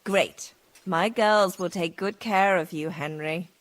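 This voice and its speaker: An actress playing a businesslike, welcoming brothel madam in a video game, politely flattering but firm about money. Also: female voice, lowish voice, takes it slowly. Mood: businesslike welcome.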